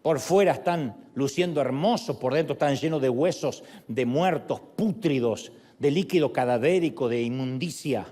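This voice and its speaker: A man preaching a sermon, animated, switching voices for quotes and jokes. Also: mid-range voice, moderate pace, few pauses. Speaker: pastor.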